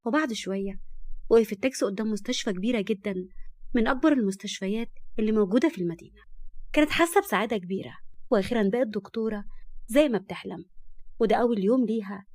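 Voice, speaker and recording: Egyptian woman reading a story, rattles through it fast, bit high voice. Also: no echo. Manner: brisk, lively narration.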